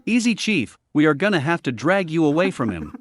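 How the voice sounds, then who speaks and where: A man's voice: on the high side, sing-song, brisk, no echo. Sergeant Bengini, a man playing a firm police sergeant. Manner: firm, commanding.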